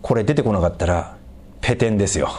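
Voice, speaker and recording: A middle-aged man preaching a sermon as a pastor, explaining scripture in an animated way and making small jokes with the congregation. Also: fast. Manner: animated, raises pitch for emphasis and quoted lines, jokes with the congregation.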